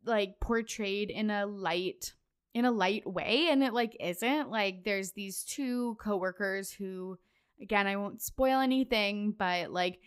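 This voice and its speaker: A young woman talks through a casual solo podcast in a smooth, clean voice. She is chatty and loose, scattering fillers and breaking into quick laughs as she goes. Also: medium pitch. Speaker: podcast host.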